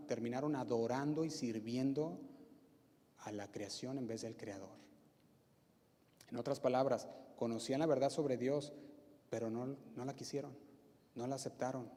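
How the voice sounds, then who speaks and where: A man's voice: mid-range voice, dark tone. A male pastor with a Mexican Spanish accent preaching a sermon, using emphatic repetition and rhetorical questions. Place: church hall. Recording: reverberant church hall.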